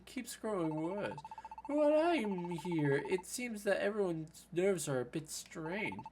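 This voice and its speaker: A woman's voice: on the low side, background noise. Woman doing a humming, hesitant friendly game creature. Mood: concerned, musing. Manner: drawn-out words with frequent humming pauses. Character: friendly, slow-witted Quagsire town guide, hesitant creature. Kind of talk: dubbing game dialogue aloud.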